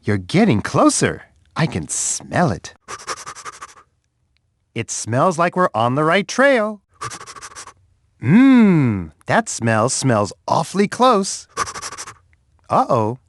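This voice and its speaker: A man voicing a big friendly bear who cheerfully guides children through an edutainment game, encouraging them with expressive, playful reactions. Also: high-pitched, slight background noise, exaggerated voice. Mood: curious, delighted, then playfully disgusted. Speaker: children's game character and storyteller.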